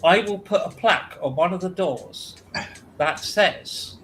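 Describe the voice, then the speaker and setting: A man running a tabletop game, narrating scenes at an unhurried pace with frequent pauses and filler sounds. His voice sits at a middle pitch, and a faint hiss runs under it. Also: fairly bright tone, poor audio. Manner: slow, halting with ums and uhs. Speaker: game master.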